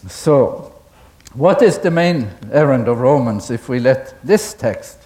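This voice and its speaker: Man giving a deliberate academic lecture. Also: medium pitch, lively intonation, mellow. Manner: deliberate, asks the audience questions, chuckles at own asides.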